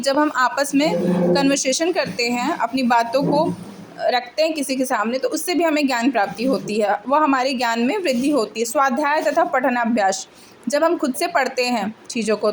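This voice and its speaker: A woman teacher with a high voice works through multiple-choice exam answers, with slight background noise behind her. She reads each question aloud, answers it herself, repeats the answers and keeps adding "okay" checks of "ठीक है".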